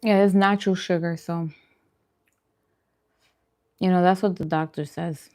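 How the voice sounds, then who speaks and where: In a casual mukbang chat to camera, a vegan food vlogger and host talks reflectively and encouragingly with her viewers. Her voice is fairly low and a little mellow, with fairly even intonation and a measured pace.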